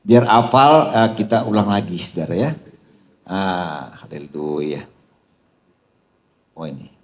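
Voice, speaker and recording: Animated male preacher at a seminar. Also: sits low, slow pace, pauses often. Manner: animated preaching, big shouted punchlines and laughter; addresses the crowd as "Saudara", calls out "haleluya". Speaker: pastor. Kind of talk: seminar sermon.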